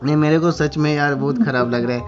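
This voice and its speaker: A man's voice: a little high, fairly even intonation, fast, highs cut off. Young male streamer, flustered and joking, playful pleading, game music bed. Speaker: gaming YouTuber. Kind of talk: casual gaming chat.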